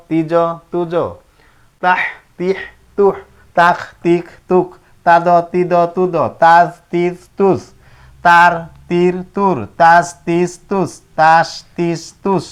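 A man teaching a Quran class, slowly reading out letter and vowel syllables one at a time with pauses between them. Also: high voice, fairly bright tone, clean tone. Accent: Bangladeshi Bengali. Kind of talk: slow syllable drill lesson.

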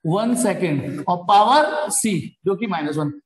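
A man teaches a physics class, calling his students "beta" and quizzing them at each step. His high voice is animated and unhurried, and the recording is reverberant.

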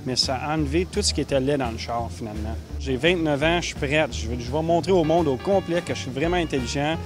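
A man in his thirties with a Québécois accent, talking earnestly about building cars, with some halting restarts. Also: a little high, music in the background. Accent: Québécois French. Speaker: car builder. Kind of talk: casual interview.

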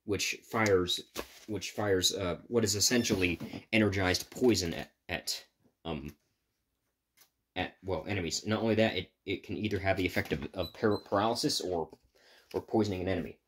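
A man's voice: low voice, brisk, fairly bright tone, slight background noise. A man improvising a fan story, rambling with frequent stops and restarts as he retells it. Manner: rambling, stop-and-start retelling.

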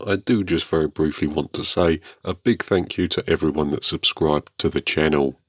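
A man with an exceptionally deep voice narrates a product showcase for his viewers. His delivery is measured, polite and understated. The sound is close and dry, with very little room. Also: no echo. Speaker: YouTube airgun channel host.

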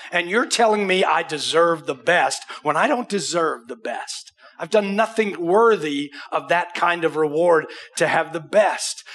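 A fairly bright, high voice belongs to this American man in his sixties, a pastor speaking from a church auditorium stage. His sermon is conversational and emphatic, built on rhetorical questions and acted-out examples.

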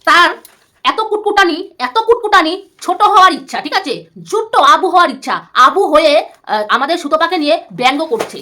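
Woman vlogger, angry roast rant, insulting and repetitive; rapid, high delivery. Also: animated, sharp tone. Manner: scolding, insulting, repeats herself a lot. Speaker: YouTuber.

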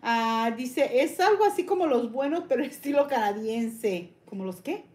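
Older woman reading stream comments, kinda high voice, sweet and chatty. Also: expressive, moderate pace, a little mellow. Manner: affectionate, chatty, talks sweetly to pets and viewers.

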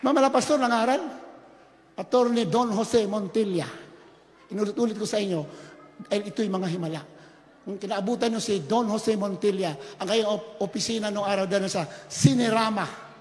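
Man, preacher, high voice, fervent sermon, shouts praises, chuckles through stories, long hall reverb. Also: normal speed, slight background noise. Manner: fervent, bursts into shouted praises, mixes in English phrases; chuckles while telling stories.

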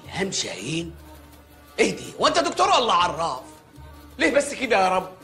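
An actor with an Egyptian Arabic accent playing a blustering, superstitious middle-aged village mayor, ranting loudly and excitably in a film comedy. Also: male voice, high-pitched, fast, creaky, faint music behind, heavily acted. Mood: flustered. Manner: loud, excitable comic ranting and grumbling.

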